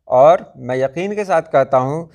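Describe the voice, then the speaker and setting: A man teaching pronunciation in a video lesson, repeating example sounds and words slowly for practice. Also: on the high side, darkish tone. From Muzaffarpur, India.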